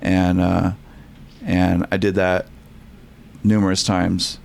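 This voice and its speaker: Low-voiced man telling his story haltingly. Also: flat delivery, gravelly, a little mellow, slight background noise. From California. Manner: halting, many restarts and fillers. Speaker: podcast guest. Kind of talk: candid storytelling interview.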